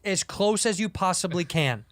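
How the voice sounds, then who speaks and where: A man co-hosting a comedy podcast, teasing with quick comebacks and mock-serious advice. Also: high-pitched, animated, a bit bright. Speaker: podcast co-host. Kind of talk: casual comedic banter.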